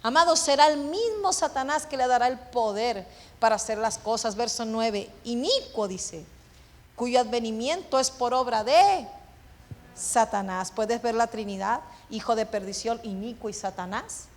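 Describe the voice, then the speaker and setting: High-voiced woman preaching in an echoing hall. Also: moderate pace. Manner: asks the congregation questions and answers them herself; swings from low hushed phrases to raised emphatic ones. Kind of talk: sermon.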